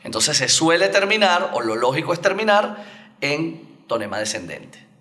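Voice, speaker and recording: Hombre invitado, instructor de oratoria, con una voz nítida y brillante. Su tono es de clase, y va dando ejemplos mientras explica. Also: male voice, a little high, big pitch swings, normal speed, pushed and bright. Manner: didactic, gives spoken examples. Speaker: oratory coach and guest. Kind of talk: explanatory interview talk.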